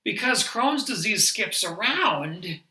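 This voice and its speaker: A man teaching nurses in a lively, emphatic lecture, now and then laughing at himself. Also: high voice, slow pace, roomy sound, poor audio. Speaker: nurse educator. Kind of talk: medical lecture.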